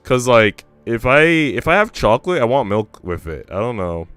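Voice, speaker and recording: With a medium-pitched, sing-song voice at a moderate pace, this livestreamer sounds a bit bright and clean, with no echo. He chats loosely and slangily while reading a visual novel out loud over faint game music.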